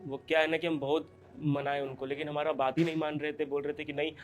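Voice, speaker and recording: Poor young villager, humble and pleading, played by a man; flat delivery, soft music bed. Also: fairly high pitch, fast, lightly acted. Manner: humble, pleading, rustic speech. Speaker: runaway husband from a village. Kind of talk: scripted short drama.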